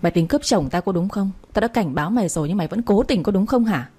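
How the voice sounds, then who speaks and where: A woman's voice: medium pitch, lively intonation, fast, mellow, husky. A woman voicing a furious, jealous young wife who snarls insults.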